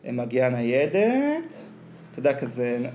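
A man's voice: mid-range voice, wildly swooping pitch, mellow, a little hiss or hum. A man with an Israeli accent chatting casually and telling anecdotes in a rambling, colloquial way full of slang fillers.

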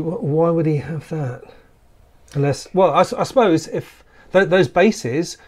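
A man's voice: fairly high pitch, darkish tone. A man in casual podcast chat, discursive and fond of explaining words, wandering into long asides.

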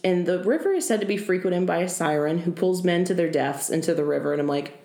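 A young woman with a low, dark-toned voice is co-hosting a podcast, telling folklore in a loose, conversational way while laughing and cracking jokes. She talks fast with lively intonation. The audio is echoey, recorded in a room at home.

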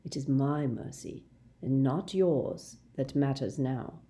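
A woman voicing a very old, wise male headmaster who speaks calmly and quietly. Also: low-pitched, measured pace. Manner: calm, quiet, gently dry.

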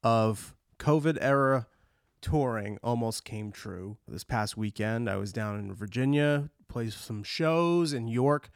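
With a cold clogging his voice, a touring musician who hosts his own show wanders through a casual, candid monologue laced with swearing. He speaks slowly at medium pitch, creaky yet clean in tone, in studio quality with no room sound.

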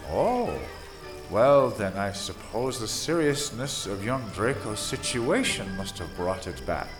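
A pompous, leering old professor, as a man puts him on, drawling slowly. His pitch swings wildly up and down. Clear music plays underneath. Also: big pitch swings. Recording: background music.

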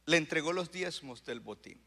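A male pastor preaching a sermon, surging into loud emphatic bursts and calling out to the congregation. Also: a little high, expressive, normal speed. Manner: preaching with rising bursts of emphasis and audience call-outs. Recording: long hall reverb.

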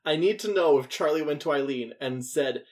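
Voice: mid-range voice, expressive, normal speed. A podcast co-host speaks in a middle register. The delivery is casual, wry and playful, like someone recapping a TV episode with a friend.

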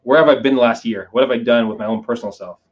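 A man's voice: mid-range voice, racing, highs cut off. A man hosting a conversational interview podcast, rambling a little as he rephrases his questions. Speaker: podcast host.

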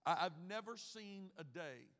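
A man in his fifties preaches with a notably high voice, dropping to a near hush and then rising to emphatic bursts. His words ring out with a long reverb tail from the church hall. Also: animated, measured pace. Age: 50s. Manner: preaching with big swings in loudness, from hushed to shouting. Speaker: pastor. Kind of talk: sermon. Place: church sanctuary.

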